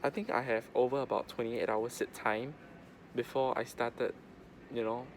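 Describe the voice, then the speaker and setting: A man's voice: medium pitch, fairly even intonation, normal speed. A man giving a casual, rambling travel vlog update with informal phrasing and lots of filler words. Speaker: travel vlogger. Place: airport boarding gate seating. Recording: clear background noise of airport.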